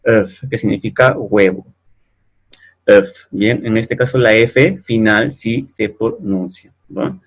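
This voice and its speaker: Low gravelly guy doing a french pronunciation lesson, slow and patient, keeps asking "right?". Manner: patient, repeats words slowly, ends sentences with "¿no?" and "¿bien?". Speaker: French teacher. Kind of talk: explaining French pronunciation to Spanish speakers.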